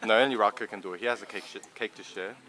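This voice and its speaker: A man's voice: fairly low pitch, steady tone, rapid-fire, sharp tone. A young man filming a vlog behind the scenes, teasing and joking with swearing. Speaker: vlogger, holding the camera. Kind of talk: casual chat.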